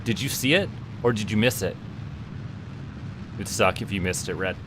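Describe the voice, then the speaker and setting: A male VTuber from Canada chats with viewers during a casual gaming livestream, his lowish voice at a moderate pace. Background noise is present, and he rambles, often stumbling over repeated words.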